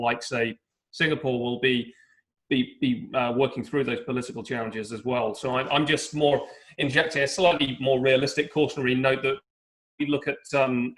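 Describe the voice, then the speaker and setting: A man from London speaking on a panel discussion over a video call, measured, with frequent restarts and hedges. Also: mid-range voice, a bit bright, poor audio. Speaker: panelist, startup founder.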